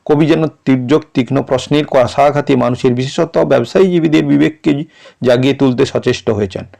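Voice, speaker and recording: A man's voice: mid-range voice, fairly quick, gravelly, dark tone. A male tutor who reads out exam answers and explains them, breaking words into syllables like a teacher. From West Bengal.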